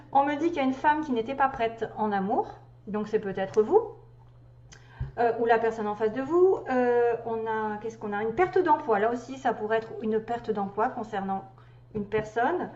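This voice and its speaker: A woman's voice: on the high side, lively intonation, moderate pace, a little mellow. A woman doing a casual tarot card reading for viewers, thinking aloud and chatty as she turns each card. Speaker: tarot reader. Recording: echoey room, dull lo-fi sound.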